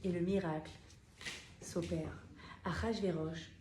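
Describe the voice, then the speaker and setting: A woman telling a religious story to a group of women in a lively, chatty way, addressing her listeners directly. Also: on the low side, measured pace. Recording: roomy echo, faint noise.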